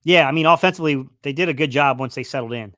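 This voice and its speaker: A bright-ish, high-leaning male voice races along on a dry, clean studio recording. He's hosting an informal football live stream, reading the chat and wandering off with plenty of fillers and false starts, his voice fading slightly from wear.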